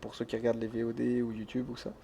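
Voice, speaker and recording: A man's voice: mid-range voice, monotone, very fast, creaky, mellow, husky. A male streamer who keeps his voice down, chatting casually as he plays a game and reads the chat, laughing often. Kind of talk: casual let's-play chat. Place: home room with thin walls.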